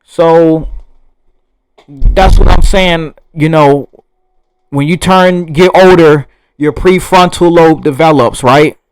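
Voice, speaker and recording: A young man with a Southern US drawl delivers a blunt, swear-laden monologue straight to camera. His voice sits a little higher than most men's. He rambles and restarts, and the sound is close and dry, with no room echo. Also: slow pace, smooth. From Southern United States. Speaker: vlogger.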